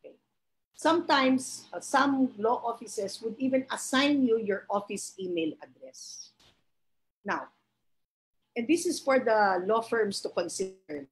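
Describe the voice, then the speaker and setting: Middle-aged woman, Filipino accent, law lecture, fairly high voice, reads rules then explains, keeps checking "okay?". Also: animated, a little slow, low-quality recording. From Philippines. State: a little out of breath. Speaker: law school dean lecturing. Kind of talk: lecture mixing English and Tagalog.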